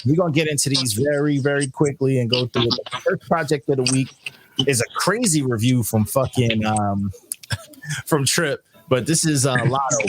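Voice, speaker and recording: A man's voice: medium pitch, background noise. A man hosting a live podcast and chatting casually over a choppy, buggy online connection, loose and swearing freely. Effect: choppy, buggy online call audio from a bad connection. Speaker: podcast host.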